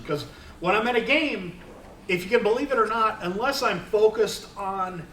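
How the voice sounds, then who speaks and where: A middle-aged sports photographer giving a casual talk to an audience, rambling with many fillers and restarts. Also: male voice, high-pitched, a bit bright, slight background noise. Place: room with an audience. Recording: roomy, distant recording.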